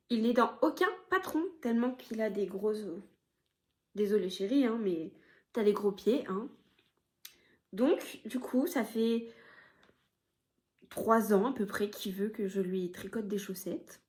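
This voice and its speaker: A woman casually chatting on her knitting podcast, showing her projects with a hesitant, filler-heavy way of talking and the odd soft aside. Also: a little high.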